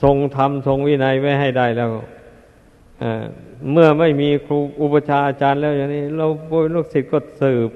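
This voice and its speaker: An older man, a Buddhist monk with a Northeastern Thai accent, gives a sermon to his disciples in a measured, admonishing way, with frequent pauses and filler sounds. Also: mid-range voice. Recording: tinny, echoey hall recording.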